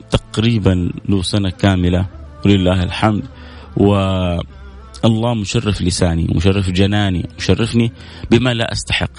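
A man's voice: medium pitch, gravelly, darkish tone. A man hosting a religious program, giving an earnest sermon-style talk and repeating phrases to drive his points home.

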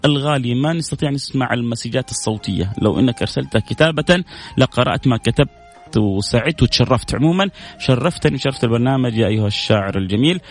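With soft music behind him, an expressive, fast-talking man with a mid-range voice hosts a call-in radio show in a studio, using a studio microphone. In a warm, devout manner he reads listener messages and answers with prayers.

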